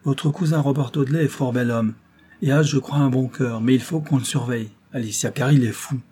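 A man reading the part of a cold, secretive young noblewoman who speaks in a grave, measured tone. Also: mid-range voice, fairly even intonation, warm tone, slight background noise, close to an everyday voice.

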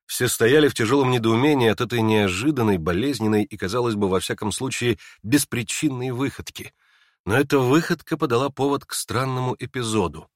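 A man narrating a classic novel aloud in a measured, expressive reading voice. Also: mid-range voice, no room sound, clean studio sound. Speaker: audiobook narrator.

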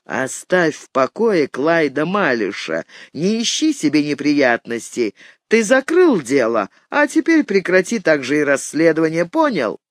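A man voicing a menacing masked male gunman in an audiobook, speaking in a low, throaty near-whisper. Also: wildly swooping pitch, measured pace, dry recording, clean studio sound. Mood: threatening.

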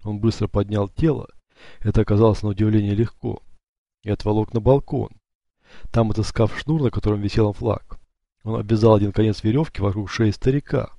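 A man narrating an audiobook in a steady, measured way. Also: lowish voice, vocal fry, dry recording, lo-fi sound. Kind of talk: scripted narration.

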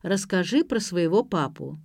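A woman's voice: lowish voice, lively intonation, measured pace, gravelly, darkish tone, no echo, studio quality, exaggerated voice. A woman voicing a cold, demanding man speaking on the phone, curt and commanding.

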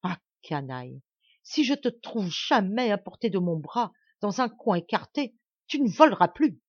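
A woman's voice: medium pitch, very animated, measured pace, darkish tone, breathy edge, no room sound, heavily acted. Woman reading as raging robust peasant lad, scornful, raised voice, dull dry recording. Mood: angry. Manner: heated, scornful outburst. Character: angry young male peasant, robust and furious.

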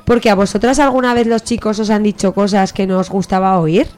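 A woman's voice: mid-range voice, steady tone, a little fast, a little mellow. A young woman from Spain hosting a casual children's radio show, patiently steering the kids and playfully keeping them on track. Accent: Spain Spanish. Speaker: radio host interviewing children. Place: radio studio.

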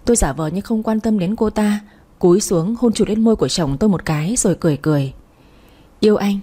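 A woman's voice: mid-range voice, fast, warm tone, slightly rough. A woman reading a first-person romance story aloud, voicing every character herself. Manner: reads all characters' dialogue in one voice. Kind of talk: first-person audiobook narration.

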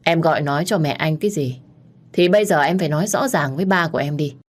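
A woman voicing a young man who has been accused, earnest and pleading, in a low voice. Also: quick pace. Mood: urging.

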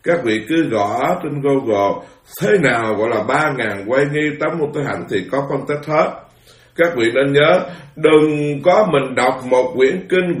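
A man delivering a Buddhist sermon, moving between quiet asides and forceful outbursts. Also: mid-range voice, reverberant. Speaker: Buddhist monk teacher.

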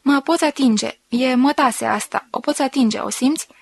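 A woman voicing a sensual woman who slowly and softly reads out an intimate love letter. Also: sits high, vocal fry, husky, dry recording, exaggerated voice. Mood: intimate, tender. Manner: slow, soft, intimate reading.

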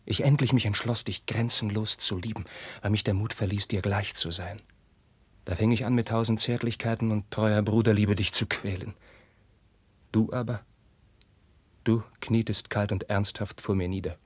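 Husky low voice, a tormented young prince, impassioned verse, dry sound. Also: male voice, steady tone, moderate pace, no echo. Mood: pleading. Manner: impassioned declamation, swinging to hushed whispers. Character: young anguished prince, passionately lovesick. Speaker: actor in a radio play. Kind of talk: classical verse radio drama.

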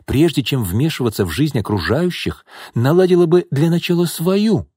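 A man's voice: a little high, animated, normal speed, mellow, slightly rough, no room sound, studio quality, pitched above the performer's own voice. A man reading an audiobook, voicing a defiant young woman who argues back at her aunt. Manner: defiant, pleading. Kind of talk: audiobook character voice.

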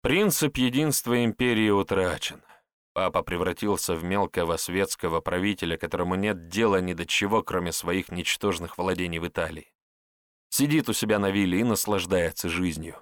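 A man's voice: deep voice, normal speed, clean tone, dry recording, clean studio sound, close to an everyday voice. Man doing a sardonic, scornful hero. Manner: mocking, scornful, plain-spoken. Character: sardonic, blunt young male hero with a sharp tongue.

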